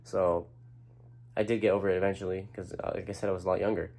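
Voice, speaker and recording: A young vlogger talks to the camera about his own feelings in a low, level voice that is fast, creaky and a little mellow. He's earnest and rambling, restarting sentences and swearing casually.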